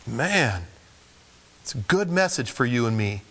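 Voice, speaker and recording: A man preaching a sermon, telling a personal story with lively, animated delivery and playing the voices of the people in it. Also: mid-range voice, measured pace.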